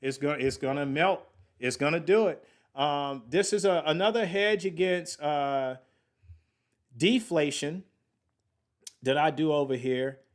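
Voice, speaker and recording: The speaker is a podcast host in his late thirties, talking casually about investing in a voice a bit higher than typical for a man. He's unhurried and pauses often, working out figures aloud in a chatty, slangy style and calling his audience y'all.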